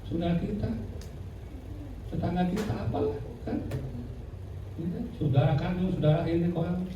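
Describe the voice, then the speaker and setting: A pastor preaching an animated sermon, acting out mocking voices and rising to shouts. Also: male voice, high-pitched, normal speed, background noise. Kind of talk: lively church sermon. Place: large echoing church hall. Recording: very echoey, distant, dull church recording.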